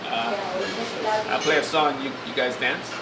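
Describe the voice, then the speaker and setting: A man's voice: fairly high pitch, expressive, unhurried, creaky, crowd noise. Laid-back man far off in an echoey room. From Brazil, raised in California. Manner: short, laid-back answers. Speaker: restaurant musician. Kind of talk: casual chat. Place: indoor restaurant with live music. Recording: distant from mic, echoey, loud music.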